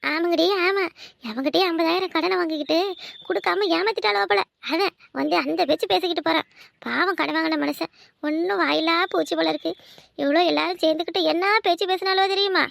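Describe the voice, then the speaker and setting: A woman's voice: extremely high pitch, fast, gravelly, fairly bright tone, dry recording, exaggerated voice. A woman voicing nosy village women in a cartoon, gossiping scornfully about a neighbour's household. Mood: scandalized. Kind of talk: cartoon voice acting.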